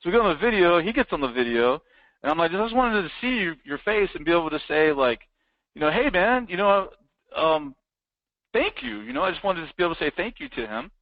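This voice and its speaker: Male motivational trainer, somewhat high and very animated pitch, emphatic and repetitive, dull dry lo-fi stream audio. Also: quick pace, no echo. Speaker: business trainer. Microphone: live-streamed online.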